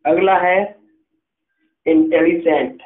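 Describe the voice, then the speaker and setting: Dictating grammar notes at a slow, patient pace, this high-voiced English teacher speaks in a level tone and keeps checking on his students. Soft background music plays, and the sound is tinny and echoey, as though captured by a phone in a bare room.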